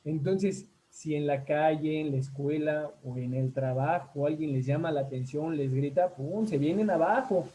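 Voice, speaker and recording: A man with a Mexican accent gives a talk from slides in a mellow, fairly high voice. He speaks conversationally, with many fillers, and keeps checking in with his listeners. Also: moderate pace, few pauses, a little hiss or hum, low-quality recording. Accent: Mexican Spanish.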